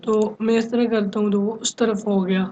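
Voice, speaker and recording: A man teaching a software lesson on a screen recording, explaining each step, often checking with "okay?", and mixing in English technical terms. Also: high-pitched, flat delivery, highs cut off, slight background noise. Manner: mixes many English software terms into his talk. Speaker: computer instructor.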